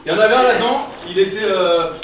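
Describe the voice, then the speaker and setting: A man's voice: sits high, quick pace. Young man improvising on an echoey stage. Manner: loose, chatty, frequent fillers and restarts. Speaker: stand-up comedian. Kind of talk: improvised stand-up with audience. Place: live comedy stage before an audience. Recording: distant live room mic, strong echo, noisy.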